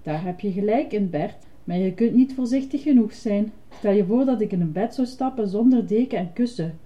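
A woman voicing an excitable, fussy, childlike male puppet in a high, dramatic, insistent voice while reading a storybook aloud. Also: moderate pace, lightly acted. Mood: chirpy. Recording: dull lo-fi recording.

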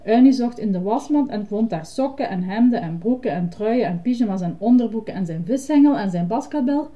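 Woman with a dark, mellow storybook voice. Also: fairly high pitch, brisk. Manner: gentle, steady bedtime-story reading. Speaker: storybook reader. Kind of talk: storybook reading. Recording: dull lo-fi recording.

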